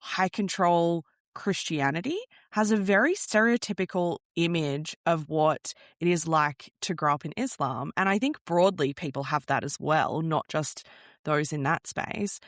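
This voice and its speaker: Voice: mid-range voice, measured pace, a bit bright, dry recording, studio quality. A podcast host asking broad questions in a casual, chatty way, often breaking off and restarting sentences. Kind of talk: casual interview chat.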